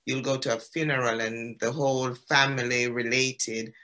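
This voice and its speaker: A man from the Caribbean, an exhibiting artist, explaining history and textiles in an unhurried, storytelling way over a video call gallery talk. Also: medium pitch, little pitch movement, bright, forceful tone. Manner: storytelling, explanatory with frequent ums.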